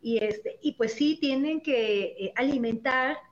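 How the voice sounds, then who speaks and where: A Mexican woman co-hosting a casual chat, her slightly high voice coming through a dull, lo-fi recording. She is agreeable and chimes in often with short affirmations. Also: a little slow. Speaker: co-host. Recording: dull, lo-fi sound.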